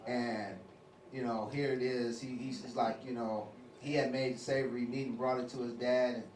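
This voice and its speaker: A man's voice: medium pitch, flat delivery, normal speed, a little mellow. A man teaching a casual Bible study, rambling and padding his talk with fillers. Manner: rambling, full of "you know" fillers. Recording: roomy, distant, faint hiss.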